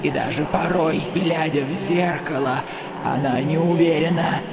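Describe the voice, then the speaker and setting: A narrator voicing a monstrous living mass of human flesh in a demonic, inhuman layered voice, chewing slowly on each word, over a horror audiobook. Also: medium pitch, steady tone, very noisy. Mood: accusing. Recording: loud music underneath. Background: loud music.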